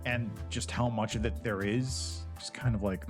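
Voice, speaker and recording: A man's voice: mid-range voice, steady tone, moderate pace. A man streaming a game, chatting loosely through a headset mic as he plays, with lots of "like" and restarts. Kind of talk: casual livestream chat over gameplay. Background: game music.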